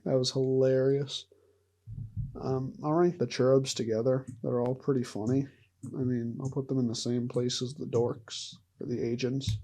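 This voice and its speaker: A vlogger ranks cartoon characters in a casual, rambling way, laughing often and trailing off mid-thought. His voice sits at medium pitch with a darkish tone.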